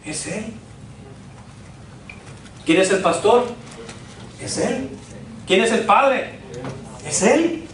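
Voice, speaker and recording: A man's voice: high voice, animated, very slow, long pauses, slight background noise. A man, a pastor preaching a sermon with repeated rhetorical questions and call-and-response. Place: church sanctuary. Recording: echoey church from far off.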